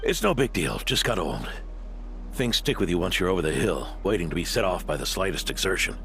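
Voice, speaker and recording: A deep, expressive middle-aged knight from a video game. He sounds weary and sore, as if nursing a strained back, with some creak in the voice. He stays steady and caring. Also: brisk, faint music behind, heavily acted. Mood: sore, resigned.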